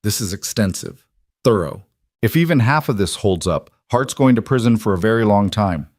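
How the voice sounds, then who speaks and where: A man voicing a calm, firm federal marshal in a western tale. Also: lowish voice, normal speed, no echo, clean studio sound. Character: stern, fair-minded federal marshal, grown man.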